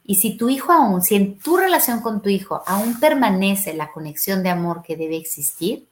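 A woman's voice: medium pitch, animated, moderate pace, a little hiss or hum. A middle-aged woman, a family therapist explaining parenting advice on a podcast and acting out questions parents might ask. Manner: explanatory, acts out parent and child questions in a raised voice.

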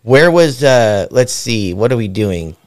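A man's voice: mid-range voice, lively intonation, a little slow. A man casually chatting, then hosting a mock game show on a podcast, loose and joking, swearing freely. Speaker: host.

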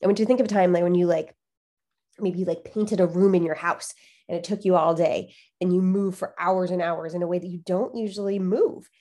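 A woman's voice: fairly low pitch, fairly even intonation, fairly quick, warm tone. A woman hosting a solo podcast, explaining things conversationally and emphatically, with a nasal voice stuffed up by a cold. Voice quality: nasal, congested. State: has a cold. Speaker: podcast host.

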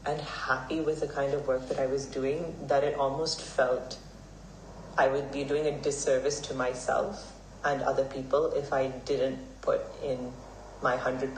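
A young man in his twenties from Hong Kong, answering podcast interview questions in an earnest, measured way with some fillers. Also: mid-range voice. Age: 20s. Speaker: guest, Vedic pandit. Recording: roomy, somewhat distant mic, faint noise.

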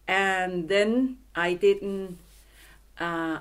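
Language instructor, woman, middle-aged; unhurried, halting delivery with frequent restarts, sitting in an office. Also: lowish voice, steady tone, smooth. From Greenland and Denmark. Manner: slow, halting, thoughtful with many restarts. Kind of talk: casual interview conversation. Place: office in a theatre building.

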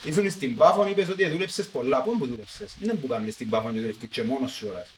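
A man's voice: medium pitch, animated, a little hiss or hum. A man from Akaki with a Cypriot Greek accent, hosting a casual podcast interview and asking probing, conversational questions. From Akaki, Cyprus. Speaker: podcast host.

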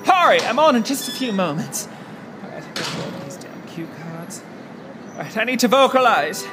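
A theatrical performer with a grand, self-dramatizing manner, speaking at an ordinary middle pitch. The recording is noisy, with vehicle sounds behind the voice. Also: very animated, moderate pace. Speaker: stage performer. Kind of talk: comedic mockumentary talk. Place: car parked in a lot, then small restaurant.

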